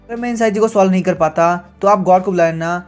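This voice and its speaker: A wary, scheming emperor who smooths things over with soft reassurances, read by a man. The voice is high and hurried, carried along by quiet music. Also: close to an everyday voice. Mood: placating. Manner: placating.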